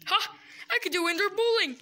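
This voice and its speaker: Someone doing a whiny little boy, squeaky and bright. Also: fairly quick. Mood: gleeful. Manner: dramatic, easily panicked, talks to himself.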